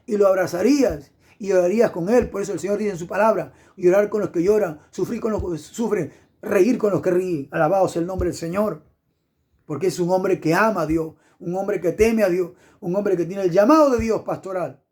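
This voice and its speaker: A man's voice: high-pitched, a little fast, a little mellow, slightly rough. A middle-aged man preaching an impassioned sermon, fervent and repetitive, punctuated with hallelujahs.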